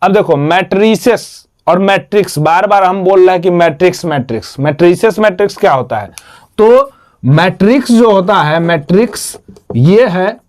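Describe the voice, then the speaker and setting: A man's voice: sits high, darkish tone. A man teaching a math lesson, repeating each term and asking and answering his own questions. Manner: repetitive, quizzes himself with questions and answers.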